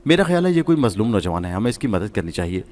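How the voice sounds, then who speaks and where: A man's voice: lowish voice, sing-song, darkish tone. Man playing kindly pilot, reassuring, helpful, storybook audio drama. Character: kind-hearted male pilot, young adult.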